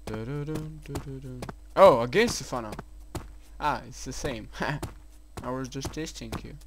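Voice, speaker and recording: A man commentating a horror game, mumbling asides to himself and breaking into startled, swearing shouts. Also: mid-range voice, animated, moderate pace, background noise. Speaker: let's play gamer. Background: loud game music.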